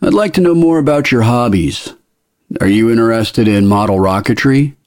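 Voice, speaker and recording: A man voicing a skinny older male border interrogator with a squeaky, prim way of asking questions. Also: expressive, normal speed, a little mellow, no room sound, studio quality, lightly acted. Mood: probing. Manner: prim, coolly persistent questioning.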